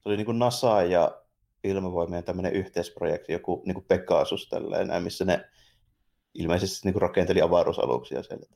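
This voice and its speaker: Talking films with his fellow co-host, this man speaks in a deep, steady voice with vocal fry and a darkish tone. It's a casual podcast chat, and he phrases things loosely, colloquially, and at rambling length.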